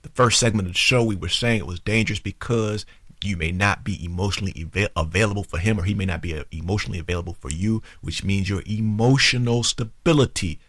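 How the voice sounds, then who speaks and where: A man hosting a talk show, giving relationship advice to women in an animated, informal way and acting out both sides of an argument. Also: fairly low pitch, fast talker, no room sound. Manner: informal, conversational, addresses the audience directly.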